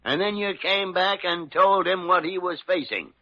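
An actor playing a gruff, blunt, commanding old senior doctor in classic American radio drama, with a brusque, scolding manner. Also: male voice, sits high, normal speed. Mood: angry, scolding. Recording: dull, band-limited old radio recording.

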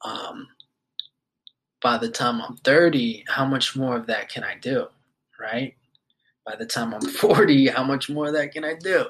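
A podcast host in his twenties delivers a loose, rambling monologue, swearing often and leaning on fillers. His medium-pitched voice is a bit bright, and he speaks unhurriedly with long pauses.

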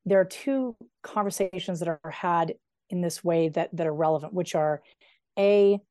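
Give me an animated middle-aged woman author in an interview, recorded dry. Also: lowish voice, no echo. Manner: animated, digressive, with quick asides. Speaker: novelist guest. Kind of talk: casual interview talk.

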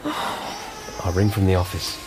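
An actor playing a tired, reserved British intelligence officer in a spy drama, speaking in an understated, clipped, evasive way. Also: male voice, low voice, steady tone, takes it slowly, heavy background noise. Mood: guarded, defensive. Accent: British English. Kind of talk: naturalistic spy drama dialogue.

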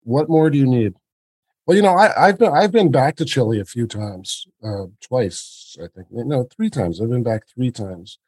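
A man hosting an interview, asking relaxed, conversational questions. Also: medium pitch, moderate pace, husky, no room sound. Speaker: interviewer, host. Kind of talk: casual chat, interview.

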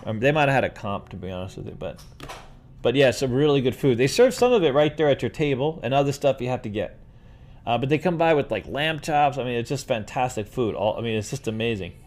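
In this casual livestream chat, the host is a middle-aged man from New York City with a medium-pitched voice who talks fast. He rambles through stories as he handles viewer questions, sounding animated and saying "dude" to everyone a lot.

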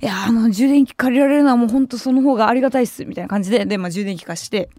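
Fast-talking young woman radio host. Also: a little high, dry recording, clean studio sound. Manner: chatty, animated, acts out quoted voices. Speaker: radio personality. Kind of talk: casual radio storytelling. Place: radio studio.

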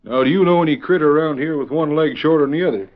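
Actor as calm, shrewd old western lawman. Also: a little high, very fast, natural voice. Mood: calm, probing. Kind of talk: old radio western acting. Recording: dull lo-fi old radio recording.

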